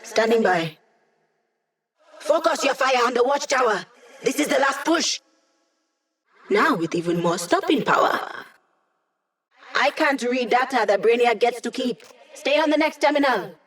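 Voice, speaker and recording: A woman's voice: on the high side, expressive, unhurried, long pauses, a bit bright. A young hacker ally from a video game. She is playful and wry. Her delivery is casual, full of teasing asides. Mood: focused, brisk.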